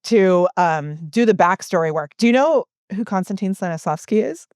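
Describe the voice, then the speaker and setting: A middle-aged woman, a guest in a casual interview, telling stories in an animated way and laughing between points. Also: medium pitch, moderate pace, clear, resonant tone, no echo, clean studio sound. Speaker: guest, business coach.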